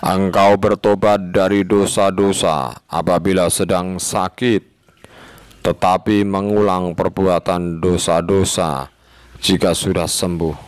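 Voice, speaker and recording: A man voicing a stern, unseen voice from above that reproaches a sinner in a solemn, gravelly tone. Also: sits low, little pitch movement, slow pace, no echo. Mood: reproachful.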